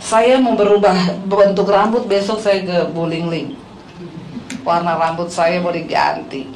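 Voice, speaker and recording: A woman's voice: on the low side, fairly even intonation, a little slow, darkish tone, roomy sound, a little hiss or hum, poor audio. A middle-aged woman pastor preaching a sermon, telling stories animatedly, acting out quotes and addressing the congregation.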